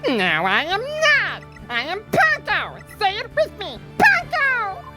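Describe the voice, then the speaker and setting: A woman's voice: extremely high pitch, wildly swooping pitch, slow pace, loud music behind the voice, pitched above the performer's own voice, exaggerated voice. A woman at play voicing a small, stubborn robot witness in a put-on robot voice, clipped and beeping. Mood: indignant. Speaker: game player voicing characters. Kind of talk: let's play character voicing.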